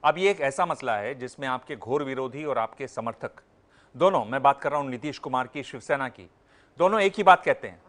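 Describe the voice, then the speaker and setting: A man's voice: medium pitch, animated, fairly quick, a bit bright. A man, a journalist, asking pointed follow-up questions and pressing his point at a press conference.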